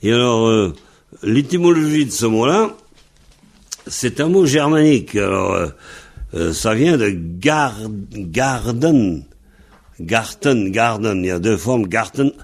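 A man's voice: on the low side, lively intonation, unhurried. A man teaching Breton on a radio lesson, patiently repeating and spelling out word forms.

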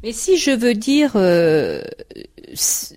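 A woman's voice: a little high, wildly swooping pitch, very slow, mellow. Inquisitive woman in a language lesson. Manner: inquisitive, asks practical questions. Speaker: learner asking questions.

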